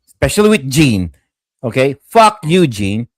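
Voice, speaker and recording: A man on a podcast panel in casual movie talk, animated and acting out scenes, swearing now and then. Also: mid-range voice, unhurried, dry recording. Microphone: video call mic.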